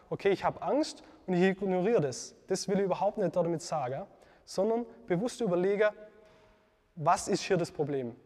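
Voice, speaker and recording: In a slightly high, darkish voice, a man delivers an earnest, reflective devotional teaching. He pauses with fillers and corrects himself as he goes, and a long reverb rings around his voice.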